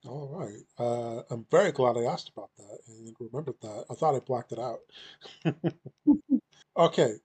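A man with a slightly husky voice hosts a casual podcast. He talks loosely and unhurriedly, with plenty of filler words. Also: medium pitch, unhurried, mellow. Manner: laid-back, filler-heavy, laughs often. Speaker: podcast host. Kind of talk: casual chat.

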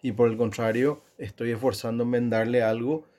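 A man's voice: medium pitch, fairly even intonation, normal speed, dark tone. Reflective middle-aged man, hesitant. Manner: reflective, hesitant, often says "¿verdad?". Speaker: podcast co-host. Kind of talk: casual chat.

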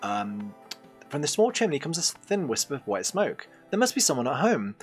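Lively man narrating a game book. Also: medium pitch, normal speed, husky, faint music behind. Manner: lively storyteller, slipping into hesitant filler-heavy asides. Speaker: game master and podcast co-host. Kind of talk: reading an adventure game book aloud to a player.

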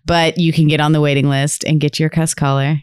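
Woman podcast co-host, low-ish smooth voice, dry close sound, chatty and laughing. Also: level tone, brisk, darkish tone, no room sound. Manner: chatty, laughs often, says y'all. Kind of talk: casual chat.

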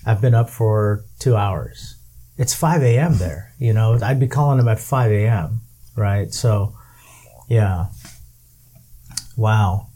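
A man's voice: lowish voice, slow pace, long pauses, warm tone, husky. A man hosting a casual chat, asking questions and telling rambling stories, laughing often. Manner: laid-back, rambling storyteller who laughs often. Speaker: host.

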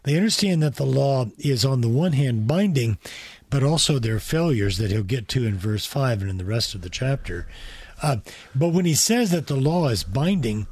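Bible teacher man, husky voice, measured and thoughtful, dry close sound. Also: medium pitch, animated, darkish tone, dry recording. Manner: measured, thoughtful, with small restarts. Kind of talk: conversational Bible study teaching.

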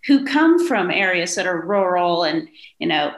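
A woman's voice: lowish voice, sing-song, moderate pace. Thoughtful woman in an echoey room. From rural Pennsylvania, United States. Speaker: podcast co-host. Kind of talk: thoughtful conversational interviewing. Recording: echoey, roomy sound.

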